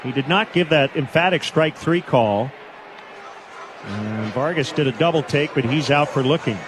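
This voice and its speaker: A man calling radio baseball play-by-play, with brisk calls that climb into shouts on big hits. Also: mid-range voice, animated, a crowd in the background, noisy background. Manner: brisk calls that rise into shouted home run calls. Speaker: play-by-play announcer.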